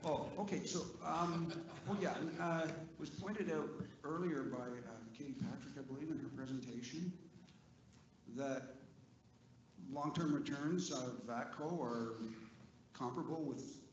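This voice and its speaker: A man's voice: fairly high pitch, unhurried, echoey room, a crowd in the background. A Canadian man in the audience asking a question at a shareholder meeting, folksy and joking, with fillers. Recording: dull, faintly noisy room mic.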